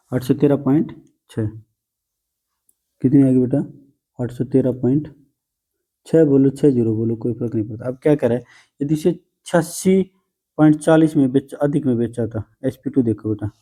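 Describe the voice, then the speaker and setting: A man's voice: medium pitch, normal speed, long pauses, warm tone. A man teaching a math lesson to students, patient and coaxing, often calling them "beta" and teasing them a little.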